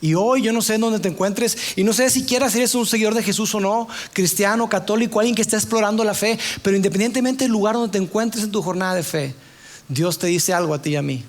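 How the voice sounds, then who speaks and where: A man preaching a sermon in an earnest way, sometimes dropping to a soft hush. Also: high voice, quick pace. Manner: earnest, drops to a soft hush for tender passages.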